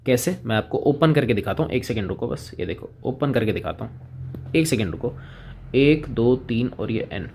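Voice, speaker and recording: A man's voice: medium pitch, lively intonation, normal speed, darkish tone, slight background noise. A man teaching chemistry in a casual lecture, chatting with students and playing both sides of the conversation.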